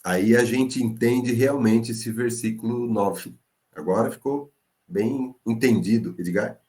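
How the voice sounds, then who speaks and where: A man's voice: medium pitch, unhurried, a little mellow. A man with a Brazilian accent leading a church Bible study discussion, rising emphatically when he exhorts. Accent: Brazilian Portuguese.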